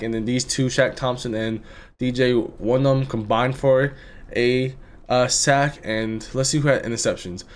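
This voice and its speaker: Laid-back rambling young man. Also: mid-range voice. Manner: laid-back and rambling, swearing, with sudden excited jumps. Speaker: gaming commentator. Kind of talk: casual game commentary.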